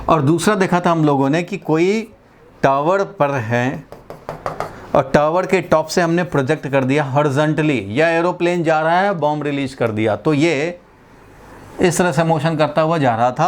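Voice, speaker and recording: Speaking at a normal pace in a voice that leans high, this male physics teacher from India delivers a classroom lecture. He explains each step in turn, goes back over key phrases, and asks in with the students as he goes.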